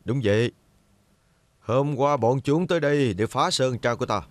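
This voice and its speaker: A man's voice: medium pitch, normal speed, no room sound, lightly acted. A man voicing a scheming young lord. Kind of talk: dubbed TV drama.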